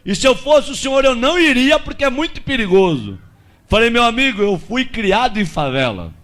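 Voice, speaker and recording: A Brazilian man preaching as a pastor, telling a testimony with lively acted-out dialogue and shouted peaks. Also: sits high. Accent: Brazilian Portuguese. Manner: animated storyteller acting out dialogue, shouting at peaks.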